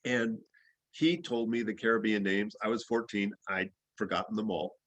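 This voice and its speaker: A man's voice: fairly low pitch, fairly even intonation, normal speed, a bit bright, no room sound, low-quality recording. A man who grew up in the Bahamas, teaching an herbalism class in a loose, rambling, anecdotal way with plenty of fillers. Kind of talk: casual class discussion.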